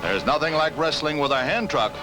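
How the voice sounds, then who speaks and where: Old 1950s newsreel guy, american, punchy announcer voice bouncing up and down, music going under him. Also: fairly quick. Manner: emphatic announcer delivery with lively pitch. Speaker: newsreel narrator. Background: newsreel music score.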